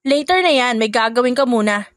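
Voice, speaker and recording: A woman's voice: fairly high pitch, animated, fairly quick, no room sound, studio quality, natural voice. Woman voicing a two-faced scheming stepmother. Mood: scolding. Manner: sharp, scornful, sugary when on calls.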